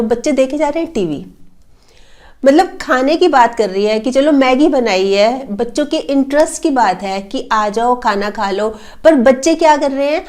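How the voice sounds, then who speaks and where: A woman with a high, light voice talks through tips on communication in a relaxed, conversational way. She leans on homely examples and fillers as she explains each point. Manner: explains with everyday household examples; uses fillers like matlab and a. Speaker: personality development coach. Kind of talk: casual spoken advice talk.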